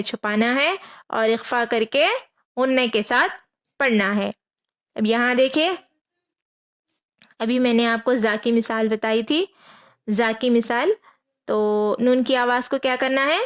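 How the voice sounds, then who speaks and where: A woman teaching a Quran reading lesson, patiently repeating each rule, asking her students questions and slowly spelling out letters. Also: on the high side, steady tone. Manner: patient, repeats rules and asks rhetorical questions.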